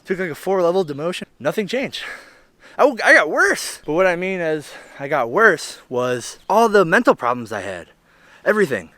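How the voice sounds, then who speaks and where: A man's voice: a little high, lively intonation, fairly quick, fairly bright tone, no room sound. Candid young man rambling with "right?". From Illinois. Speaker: vlogger. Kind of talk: personal storytelling vlog. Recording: faint music behind. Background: faint background music.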